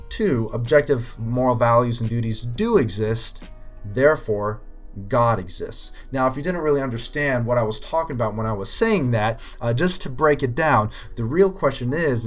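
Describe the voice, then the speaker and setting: With a medium-pitched, fairly bright voice, a young Ukrainian man working as a youth minister gives a scripted apologetics talk. He explains his faith earnestly, leaning on many filler words.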